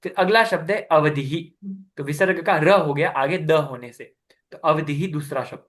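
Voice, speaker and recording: Guy teaching a class, voice a bit on the high side, patient, goes step by step and keeps asking questions. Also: unhurried, fairly bright tone. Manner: patient, asks students questions and praises answers; explains step by step, repeating key terms. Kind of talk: online class explaining scripture recitation.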